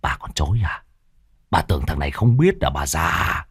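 A man voicing a brutal, greedy grown son in a ghost story, with a gruff, menacing delivery. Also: deep voice, big pitch swings, moderate pace, dry recording, clean studio sound, exaggerated voice.

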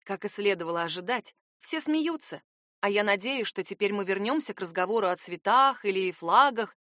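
A woman's voice: mid-range voice, a bit bright, no echo. Woman narrating a novel, close and dry. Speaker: audiobook narrator. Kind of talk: first-person novel narration.

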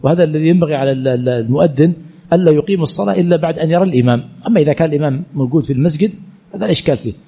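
Pitched on the high side, his dark voice carries a breathy edge as he teaches Islamic jurisprudence as a sheikh. In this religious lesson he reads listeners' questions aloud and answers them colloquially, repeating phrases and correcting himself often.

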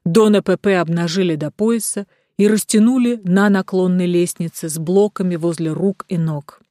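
A woman narrating an audiobook in a measured, steady reading. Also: fairly low pitch, dry recording, studio quality.

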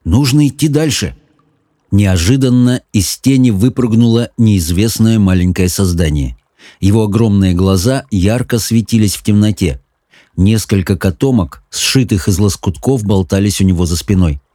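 A male narrator reads a storybook in a low, mellow voice, steady and measured. The recording is close and dry, with no room sound. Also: dry recording. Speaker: audiobook narrator. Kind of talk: scripted narration.

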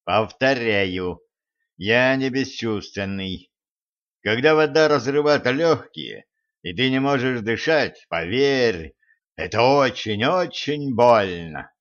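A man voicing a sharp-tongued immortal male sorcerer who talks in a snappish, commanding way. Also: mid-range voice, animated, takes it slowly, dull audio. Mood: irritated.

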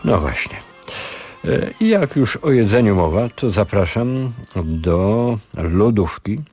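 Deep-voiced man reading slowly. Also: sing-song, darkish tone, slightly rough, faint music behind. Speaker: radio reader. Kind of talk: scripted story reading. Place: radio studio.

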